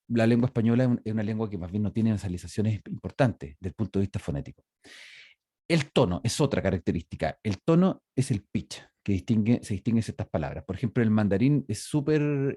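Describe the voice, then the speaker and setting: A man's voice: on the low side, warm tone, no room sound, clean studio sound. A middle-aged man giving an online university lecture over a video call, explaining patiently with frequent fillers and self-corrections. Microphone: video call microphone.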